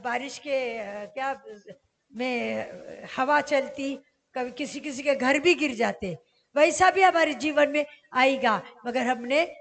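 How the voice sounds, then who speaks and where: Woman preacher, high voice, emphatic sermon delivery with repeated questions, echoing church hall. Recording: long hall reverb.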